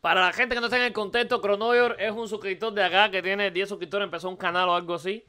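A rapid-fire Cuban man critiques a viewer's video live, teasing, repeating phrases and firing off rhetorical questions. His voice sits high and sounds bright and a little hoarse. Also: fairly even intonation. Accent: Cuban Spanish. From Cuba. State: hoarse from recording the night before. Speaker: streamer reviewing a viewer's video. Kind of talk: casual live-stream commentary.

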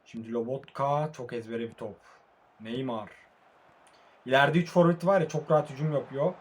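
This is live commentary from a young man playing a football video game on his phone late at night, clearly sleepy. At a moderate pace and in a mid-range voice, he alternates casually between calm mumbling and irritated outbursts.

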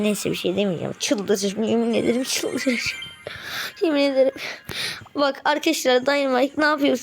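A woman giving gameplay commentary to her viewers while opening rewards, quickly getting frustrated and excited. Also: medium pitch, gravelly. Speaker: mobile game streamer.

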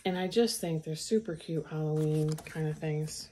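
A woman's voice: deep voice, normal speed, dark tone, breathy edge. A middle-aged woman hosting a stitching vlog, chatting casually about her craft purchases with frequent ums and restarts. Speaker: craft channel host.

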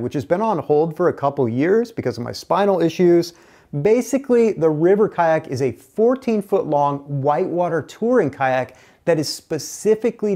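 A middle-aged kayak builder hosts his own channel, delivering an earnest, scripted update to camera on a lapel mic. He gestures with both hands as he explains, standing in an indoor workshop with a canoe and a curtain. His voice is on the high side with a darkish tone.

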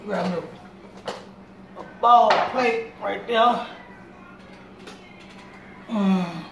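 A man's voice: high voice, very slow, vocal fry, distant mic. A middle-aged man hosting a casual home cooking demonstration, chatting and repeating himself as he works around a small kitchen. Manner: talks while moving around the kitchen. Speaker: home cooking show host. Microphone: camera on tripod across the kitchen. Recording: roomy sound from a camera across the kitchen, noisy. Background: clatter of pots and dishes.

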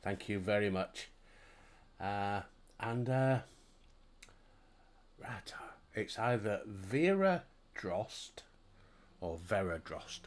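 This gaming streamer is an older Yorkshireman giving relaxed commentary on his gameplay, talking to himself and his audience through a headset mic at home. His voice sits on the low side, with lively intonation, and he speaks very slowly, pausing often.

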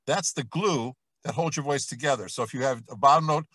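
A man voice coach leading a vocal warm-up lesson, explaining each exercise and then demonstrating it with sung vowels and scales. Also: mid-range voice, fairly quick, no echo, rough recording.

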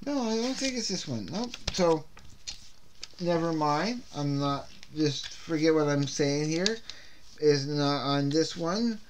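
A Canadian man running a CD review video series talks casually about an album without a script, wandering off, repeating himself and starting sentences over, his throat a bit scratchy. His voice is on the higher side, slow, with lively intonation.

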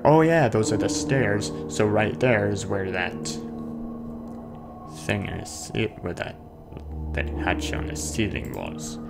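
A man with a fairly low voice and some vocal fry chats playfully while playing a horror video game, muttering to himself. A gamer and let's player, he sings nonsense sounds and reads on-screen notes aloud, with game music in the background.

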